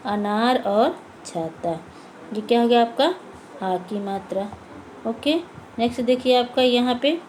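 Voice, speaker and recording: A woman's voice: on the high side, darkish tone, slight background noise, low-quality recording. A woman teaching a Hindi lesson to young children, patiently repeating words and asking and answering her own questions. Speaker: primary school Hindi teacher.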